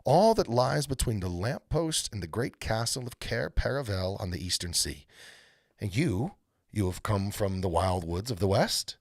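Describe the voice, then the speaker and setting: Man voicing an excitable, fussy storybook faun. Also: lowish voice, moderate pace, no room sound, clean studio sound. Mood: proud, inquisitive. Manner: stammering, fussy, formally polite. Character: excitable, courteous, faintly melancholy male faun. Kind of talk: storybook read-aloud character voice.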